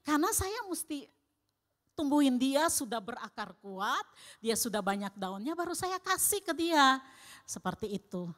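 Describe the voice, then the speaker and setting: A woman preaching a sermon with personal testimony, emphatic, swinging between loud exclamations and quiet asides. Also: sits high, very animated, measured pace, big-room sound.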